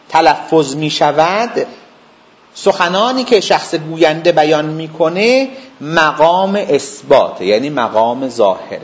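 Lively-voiced man teaching a seminary lesson. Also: on the high side, dull audio. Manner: explanatory, repeats points and asks students if they follow. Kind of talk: didactic lecture.

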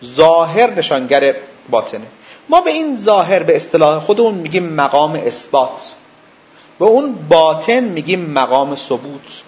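A man's voice: on the high side, very animated, lo-fi sound. A man teaching a seminary lesson, explaining step by step, repeating points and checking whether his students follow. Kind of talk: didactic lecture.

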